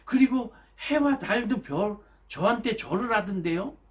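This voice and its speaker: Pastor doing an eager boastful young dreamer. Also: male voice, high-pitched, animated, measured pace, pitched above the performer's own voice. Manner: eager, chatty telling of dreams.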